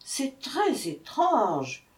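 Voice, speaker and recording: A woman voicing a sly male jackal who plays dumb in a storybook tale, whining in a high, drawn-out, fretful voice. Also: huge pitch swings, full character voice. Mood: whiny feigned confusion. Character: sly male jackal feigning silly confusion. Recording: echoey room, voice from far off.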